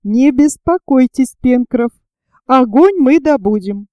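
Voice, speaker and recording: A woman reading the part of a calm, thoughtful middle-aged male engineer, measured and reassuring. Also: sits high, no echo, highs cut off.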